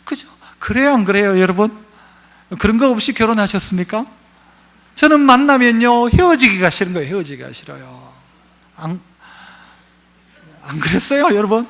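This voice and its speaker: A male pastor, preaching a sermon to his congregation. He swings between loud, fervent passages and hushed, low asides, and puts questions straight to the listeners. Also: animated, moderate pace, long pauses. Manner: asks the congregation questions directly.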